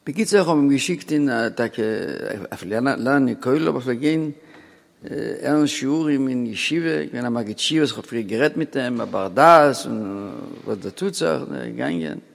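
This man's mid-range voice is gravelly and animated as he tells a wandering personal story, halting with many restarts and pauses and occasionally falling to a quiet mutter. There's a long echoing reverb on the recording.

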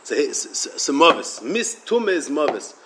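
A man giving a Torah lecture as a religious teacher, halting and often repeating words as he restarts his sentences. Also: on the high side, big pitch swings, background noise.

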